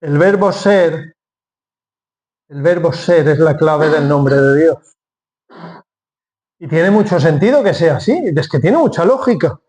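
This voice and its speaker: High-voiced man preaching a sermon. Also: lively intonation, unhurried, long pauses, a little mellow. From Spain. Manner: explanatory, asks and answers his own questions.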